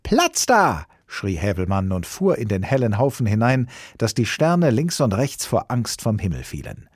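A man's voice: lowish voice, moderate pace, slightly rough, no room sound, studio quality. A man reading a fairy tale aloud expressively, voicing the characters. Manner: lively, voices the characters. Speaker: storyteller.

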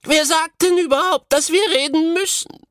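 A man voicing a petite, grumpy young goatherd woman in an audiobook, shrill and nagging. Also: fairly even intonation, moderate pace, a bit bright, dry recording, clean studio sound.

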